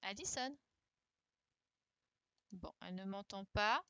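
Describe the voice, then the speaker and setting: Over a video call, a woman teaching a young class corrects worksheets and repeats her questions to draw answers from pupils. Her mid-range voice is animated, creaky, bright, forceful, clear and resonant, delivered slowly through a computer mic with no echo.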